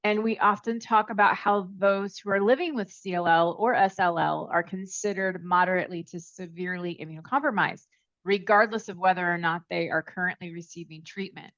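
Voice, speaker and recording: A woman's voice: medium pitch, a bit bright, dry recording. A woman hosting an interview, introducing the guest and asking prepared questions in a polite, upbeat manner. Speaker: interview host. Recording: dry, dull lo-fi audio.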